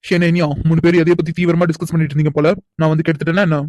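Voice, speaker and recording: A woman voicing a calm, teasing young man. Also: sits low, no room sound, lightly acted. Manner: unhurried, probing, quietly insistent. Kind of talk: animated cartoon dialogue.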